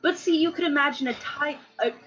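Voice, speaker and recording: A woman's voice: sits high, brisk, a bit bright, muffled recording, soft background music. A young adult woman chatting and exclaiming as a player in a tabletop game. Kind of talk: casual tabletop game chat.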